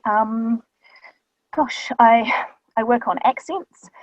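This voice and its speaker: Talking slowly in a slightly high voice, this guest voice artist from New Zealand describes her work casually, with plenty of ums. She's recorded on a studio microphone in a small booth, so the sound is dull and dry, with no room sound.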